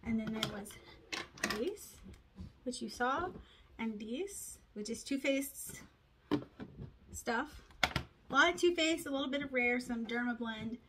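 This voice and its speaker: Woman doing her makeup on camera, kinda high voice, rambles and talks to herself a lot. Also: expressive, unhurried, pauses often, heavy background noise. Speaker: beauty vlogger. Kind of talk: casual makeup tutorial chat.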